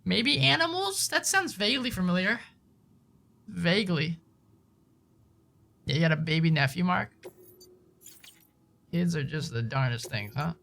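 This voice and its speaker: This man streams a game and chats loosely with his viewers, dropping slang and saying "dude" and "man" a lot while narrating his play. His voice is high and bright, with lively intonation, vocal fry, and a forceful tone; he speaks a little slowly and pauses often.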